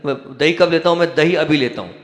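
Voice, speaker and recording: Man lecturing in an echoey hall. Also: a little high. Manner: rapid list-giving, emphatic warnings. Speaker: spiritual lecturer. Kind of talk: devotional discourse on diet.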